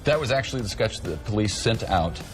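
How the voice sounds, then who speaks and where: A man's voice: on the low side, animated, soft background music. Man anchoring the news, stifling giggles. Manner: halting, hesitant delivery. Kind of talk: live news presenting, ad-libbed.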